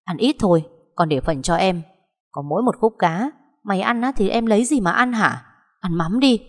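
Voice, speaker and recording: A woman voicing a harsh, abusive middle-aged stepmother who shouts and scolds, with a long echoing reverb. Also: mid-range voice, lively intonation, normal speed. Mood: grumbling.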